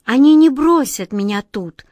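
A woman voicing a small, gentle girl who speaks softly, eagerly and plaintively. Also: sits high, lively intonation, unhurried, dry recording, voice pushed up. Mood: hopeful.

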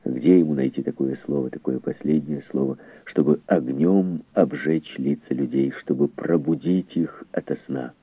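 Very deep gravelly male audiobook narrator. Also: expressive, normal speed, hardly any pauses, dry recording. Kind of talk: scripted literary narration. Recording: tinny phone-like dry recording.

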